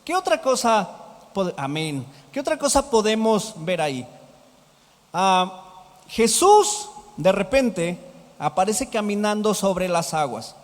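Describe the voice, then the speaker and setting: Man, pastor, high voice, sermon, rhetorical questions, long hall reverb. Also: slow pace. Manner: animated preaching with rhetorical questions to the congregation.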